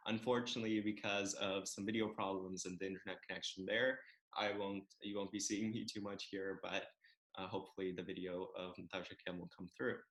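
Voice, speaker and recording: Give me a man with a lowish voice interviewing a guest over a video call. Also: little pitch movement, a little fast, a bit bright. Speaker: interviewer, host.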